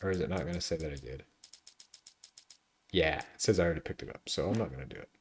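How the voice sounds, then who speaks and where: A man streaming a video game, giving excitable, chatty commentary to his chat. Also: extremely low pitch, fast talker, a little hiss or hum. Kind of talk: casual gameplay commentary.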